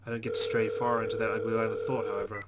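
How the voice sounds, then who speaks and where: Racing through the lines, a man reads a visual novel's first-person narration aloud in let's-play style, dramatizing what appears on screen. His pitch is fairly low and moves little. Background noise is noticeable.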